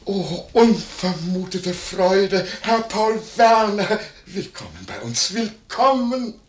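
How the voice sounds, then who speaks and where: Fawning, nosy innkeeper. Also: male voice, high-pitched, animated, slow pace, slight background noise. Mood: effusive. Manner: wheedling, chuckling, theatrical storytelling. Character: fawning nosy male innkeeper, curious and greedy. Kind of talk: classic stage radio play acting. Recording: roomy studio echo.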